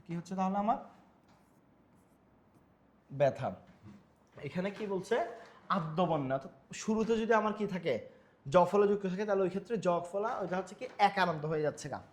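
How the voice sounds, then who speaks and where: A man's voice: sits high, brisk, long pauses. A young man teaching a grammar lesson over slides, asking himself questions and repeating each rule. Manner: repetitive, quizzing himself with rhetorical questions. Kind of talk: exam-prep lecture over slides.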